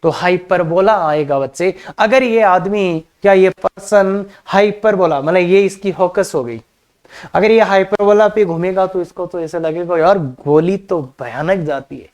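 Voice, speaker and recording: A man's voice: high-pitched, measured pace, darkish tone, clear, resonant tone. A male maths teacher giving a classroom lecture. He talks in a chatty way, slips English terms into his speech and keeps calling his students kids. He throws out rhetorical questions as he works through each step. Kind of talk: classroom lecture on coordinate geometry.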